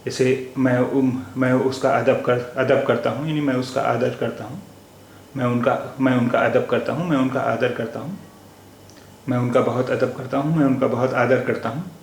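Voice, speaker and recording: A man teaching a language lesson, spelling out letters and repeating each word slowly and deliberately. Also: mid-range voice, fairly even intonation, vocal fry. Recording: echoey room with faint noise.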